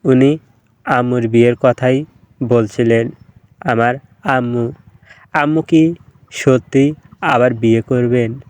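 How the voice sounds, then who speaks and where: A man reads a story aloud slowly and deliberately. His voice is smooth and clear, recorded close and dry with no room sound. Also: mid-range voice, fairly even intonation, darkish tone, dry recording. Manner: slow, measured, voicing each character's dialogue. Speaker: story narrator. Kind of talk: scripted story narration.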